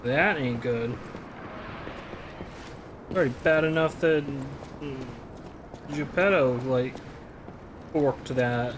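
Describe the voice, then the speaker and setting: Slow-talking man muttering over gameplay. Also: mid-range voice, background noise. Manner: mutters to himself, thinks aloud. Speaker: game streamer. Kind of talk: casual gameplay commentary.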